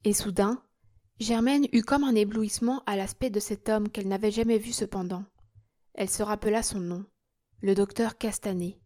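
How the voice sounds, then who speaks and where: Warm, mellow woman narrating a novel. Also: mid-range voice, steady tone, normal speed, no room sound, studio quality. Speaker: audiobook narrator. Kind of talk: scripted narration of a classic novel.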